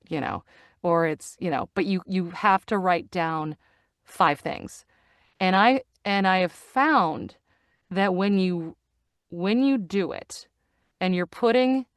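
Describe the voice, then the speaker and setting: A middle-aged woman who works as a voice actor and audiobook narrator is a guest in a casual interview, speaking earnestly in a clear, resonant voice on the low side. She often restarts and repeats phrases while searching for words. She's recorded on a studio microphone with no echo, at studio quality.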